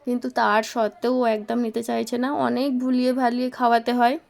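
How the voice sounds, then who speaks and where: A woman's voice: a little high, level tone, fairly quick, gravelly, a little mellow. A young woman, casually narrating her day of household chores as a mother, recorded on a phone. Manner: chatty, homely narration of daily chores. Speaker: vlogger, mother.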